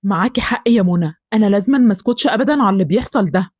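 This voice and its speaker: A woman with an Egyptian accent voicing an angry middle-aged man who is a bullying neighbor in an animated story, scornful and threatening. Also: mid-range voice, husky, no room sound, studio quality. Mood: furious. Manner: shouting threats, fast and scornful.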